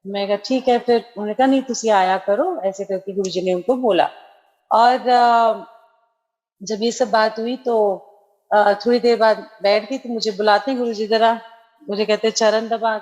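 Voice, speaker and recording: A woman's voice: medium pitch, fairly even intonation, normal speed, darkish tone, lo-fi sound. A middle-aged woman, telling a personal devotional story in a chatty way, dropping in English phrases, over a remote call. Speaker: devotee sharing a testimony.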